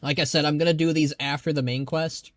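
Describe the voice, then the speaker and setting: Higher-voiced man streaming, dry close sound. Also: steady tone, fairly quick, fairly bright tone, no echo. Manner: rambling, conversational, thinking aloud. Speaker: live streamer. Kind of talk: casual game stream commentary.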